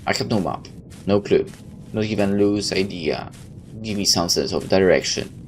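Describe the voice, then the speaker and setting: Background noise comes through clearly as a man reads a visual novel at a moderate pace in a low-pitched voice. He's a let's player narrating with storyteller drama and personal asides.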